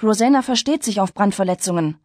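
A woman's voice: medium pitch, lively intonation, fast, a little mellow, dry recording, studio quality, natural voice. A woman doing a determined young farm wife.

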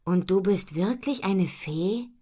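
A shy farm girl in a children's audio story, played by a woman, skeptical and hesitant as she speaks. Her delivery is slow and slightly husky, with a lively rise and fall in pitch. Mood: doubtful.

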